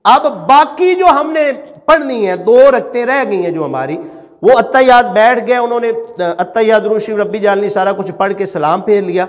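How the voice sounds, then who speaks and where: The sound is big and roomy as a high-voiced man gives a religious lecture. He patiently repeats and explains his points, putting questions to the audience and supplying the answers himself.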